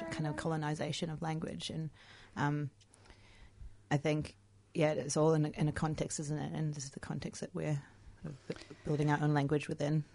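A low-pitched Australian woman talks in a relaxed radio studio chat. She is reflective and hesitant, filling pauses with ums and likes, and often laughs as she talks. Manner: reflective, hesitant, many fillers, laughs easily. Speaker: radio co-host.

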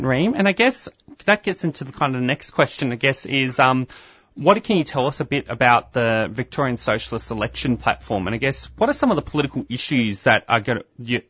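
A man's voice: medium pitch, fairly bright tone, husky, no room sound, dull audio. A man hosting a community radio show, introducing a guest hesitantly with many fillers. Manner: hesitant, lots of um and kind of. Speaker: radio host.

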